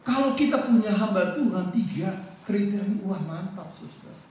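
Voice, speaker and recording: A man preaching a sermon as pastor, animated and joking with his congregation. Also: high voice, normal speed, recorded from a distance. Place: church hall. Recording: echoey church hall, mic off. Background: congregation responding.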